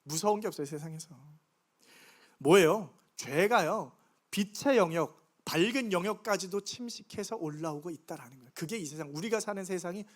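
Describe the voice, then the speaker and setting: High-voiced man preaching a sermon. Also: normal speed. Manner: conversational, asks the congregation questions. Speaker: pastor. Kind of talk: Sunday sermon. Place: church sanctuary.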